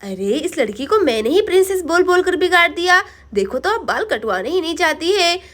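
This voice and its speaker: A woman voicing a gentle village woman who speaks in a soothing, coaxing way. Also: extremely high pitch, sing-song, fairly quick, heavily acted.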